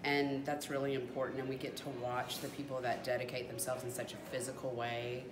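Middle aged lady, really low voice, thoughtful chat, echoey room. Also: flat delivery, fairly quick, noisy background. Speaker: mother interviewed. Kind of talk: reflective casual chat. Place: small lamp-lit room.

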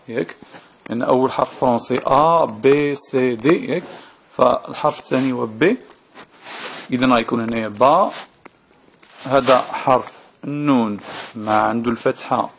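A man with a Moroccan Arabic accent teaching reading step by step, slow and patient, often checking that the listener follows. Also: medium pitch, vocal fry, a little hiss or hum. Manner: slow, patient, checks understanding with tag questions. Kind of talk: at-home teaching video.

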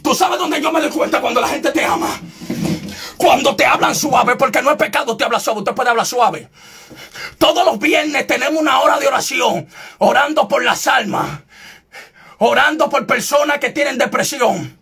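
A man preaches in a relentless shout, his voice pitched very high and gravelly. He hammers each point confrontationally, now and then bursting into tongues. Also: normal speed. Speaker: evangelist preacher. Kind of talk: fiery shouted sermon.

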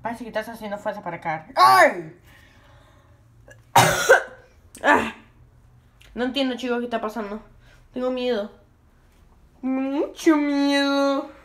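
A woman giving excitable let's play commentary, full of frightened cries and screams. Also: a little high, moderate pace, long pauses, a crowd in the background. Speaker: gaming video host.

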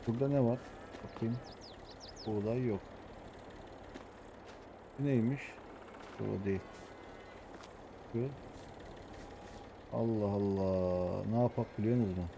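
A man with a Samsun accent, an adult with young kids, giving hushed, muttering commentary over a farming game, as his channel's host. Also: lowish voice, noisy background. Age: adult with young children. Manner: talks quietly, mutters to himself. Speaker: gaming YouTuber.

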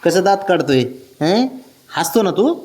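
A man talks to his cats at home in a teasing, coaxing baby-talk manner. His fairly high voice swoops up and down with lively swings in pitch. The room around him rings with a noticeable echo. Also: a little slow. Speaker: pet owner filming his cats. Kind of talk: casual talk to pets. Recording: echoey room.

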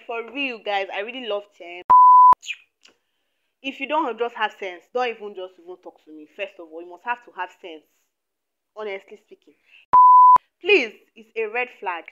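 Young woman vlogger from Nigeria, about twenty, sharp and bright voice, talkative and animated, lapel mic, slightly muffled. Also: mid-range voice. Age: 20s. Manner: chatty, animated, laughs often. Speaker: YouTuber. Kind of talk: casual chat to camera. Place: small indoor room.

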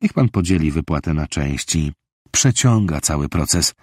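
A male audiobook narrator voicing a calm, analytical investigator who reasons things through. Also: rumbling low, moderate pace, husky, no room sound, clean studio sound, exaggerated voice. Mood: measured. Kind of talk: audiobook character reading.

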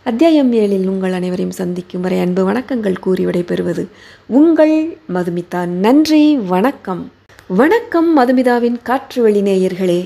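A woman narrating a novel as an audiobook, with measured, gentle storytelling. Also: mid-range voice, animated, creaky. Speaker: audiobook narrator and channel host.

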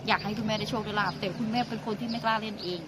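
Middle-aged woman chatting quick and lively, bit high, lots of noise around. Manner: animated storytelling. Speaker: interviewee. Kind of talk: casual chat.

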